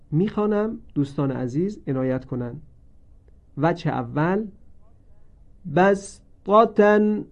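A man teaching a recorded lesson on Quran reading, speaking slowly and deliberately and drawing out each word he recites. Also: a little high, darkish tone. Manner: slow, deliberate, repeats each word with drawn-out recited forms. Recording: dull lo-fi recording.

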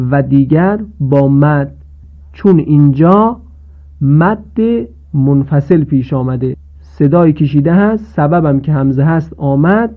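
A man gives a radio lesson on Quran recitation in a somewhat high voice. He explains each rule patiently, then chants the examples in a long, drawn-out recitation. The sound is thin and narrow, like an old phone line.

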